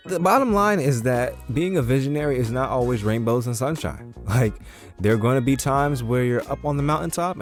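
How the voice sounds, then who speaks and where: Low-voiced man with a slight lisp. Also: a little mellow. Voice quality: slight lisp from wearing retainers. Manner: informal, slangy direct address to listeners. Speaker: podcast host and self-leadership coach. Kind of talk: podcast intro, motivational talk.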